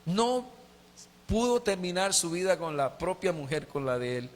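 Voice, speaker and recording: Middle-aged Colombian pastor, fairly high-voiced, preaches an emotional testimony that keeps repeating itself, long church reverb. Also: male voice, big pitch swings, unhurried. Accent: Colombian Spanish. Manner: emotional storytelling with heavy repetition. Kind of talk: sermon with personal testimony. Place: church sanctuary.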